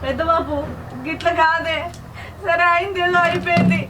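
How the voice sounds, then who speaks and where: A woman with a Telangana accent speaks in a very high voice, tearful and pleading. She is heard from some distance off the microphone. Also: steady tone, normal speed, background noise. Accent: Telangana Telugu. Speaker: wife complaining about her husband. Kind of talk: short film acting.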